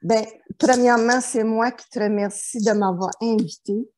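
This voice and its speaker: Her voice is on the high side and a little mellow, with a steady tone at normal speed. A middle-aged therapist from New Brunswick, Canada, she tells her life story as an interview guest, hesitating with many fillers and restarts.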